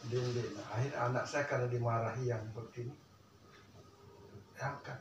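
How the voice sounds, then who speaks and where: An older man tells a family story in casual conversation, his voice swinging from hushed murmurs to loud outbursts. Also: mid-range voice, fairly even intonation, moderate pace. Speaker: guest recounting a family story. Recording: echoey room, distant mic, faint ambient hiss.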